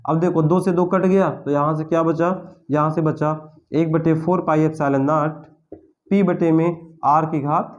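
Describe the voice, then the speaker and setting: A man's voice: a little high, steady tone, a little slow, dull audio. A man teaching a physics lesson, working through a derivation step by step, repeating each step and asking his students questions as he goes. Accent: Hindi-speaking North India. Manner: repeats steps and asks students questions as he writes.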